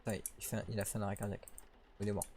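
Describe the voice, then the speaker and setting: A man doing casual let's play commentary on a horror game, excitable, swearing, laughing and yelling at the game. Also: fairly low pitch, very fast, a little hiss or hum. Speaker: gamer. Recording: keyboard clicks behind the voice.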